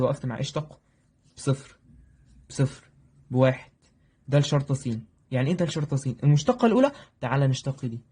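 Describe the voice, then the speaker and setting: A young man with an Egyptian accent teaching a brisk, joking exam review lesson, talking straight to his students. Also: on the high side, mellow, slightly rough. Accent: Egyptian Arabic. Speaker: math teacher.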